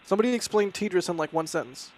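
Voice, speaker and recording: A man's voice: high voice, expressive, fast talker. A man hosting casual live launch commentary, chatty and often interrupting himself. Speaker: livestream host.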